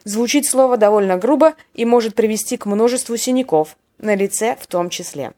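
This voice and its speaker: On her podcast explaining Russian slang words, this host speaks in a mellow, rather high voice at a fairly quick clip. The narration is scripted, wry and playful, with short example exchanges that she acts out herself.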